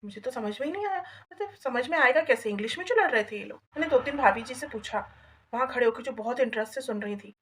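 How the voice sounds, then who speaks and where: A woman from Rajasthan telling a comic monologue to a neighbour, gossipy and animated like a village storyteller. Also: a little high, quick pace, slight background noise, rough recording. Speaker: comedy vlogger.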